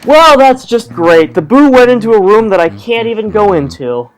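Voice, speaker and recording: Speaking in a high-pitched, sing-song voice at a moderate pace, this man gives rambling, casual let's-play commentary through an earphone headset mic. The audio is poor, game music runs in the background, and he fills his talk with fillers and jokes at his own expense.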